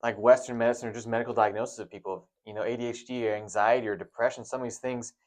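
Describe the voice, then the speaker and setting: A man who is a doctor and co-hosts a podcast, explaining things in a relaxed way. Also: mid-range voice, very fast. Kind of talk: casual podcast chat.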